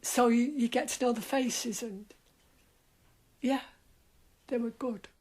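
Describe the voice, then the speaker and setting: An older woman, once an office worker, recounts her memories slowly and deliberately in an interview. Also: fairly high pitch, steady tone, darkish tone. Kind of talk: interview recollection.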